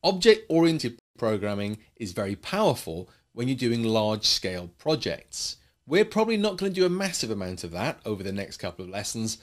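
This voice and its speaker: A man teaching a coding lesson in a chatty way, explaining with playful asides. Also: on the low side. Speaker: programming teacher.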